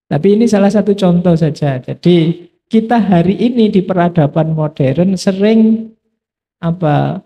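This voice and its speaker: A middle-aged man giving a relaxed philosophy study talk, answering imagined questions from his audience. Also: a little high, vocal fry, slightly rough, muffled recording. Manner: relaxed conversational teaching, quoting imagined questions. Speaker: lecturer.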